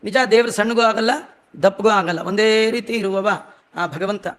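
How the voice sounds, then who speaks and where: A man giving a devotional storytelling discourse, chanting scripture verses slowly between homely conversational asides. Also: high voice, a bit bright, in a large hall. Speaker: religious discourse speaker.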